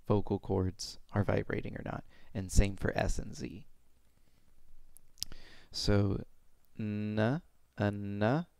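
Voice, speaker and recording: Young guy explaining pronunciation step by step, kinda halting, mellow low voice, dry close headset sound. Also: creaky, no echo. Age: young adult. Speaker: pronunciation teacher. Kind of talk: informal instructional explanation with demonstrated sounds. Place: small room at home.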